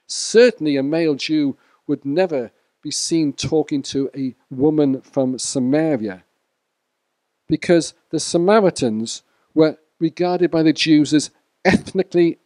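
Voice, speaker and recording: Slow-speaking male preacher, dry sound. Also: a little high, darkish tone, no echo. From Wales. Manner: measured, speaks to the congregation by name. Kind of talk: sermon. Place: church.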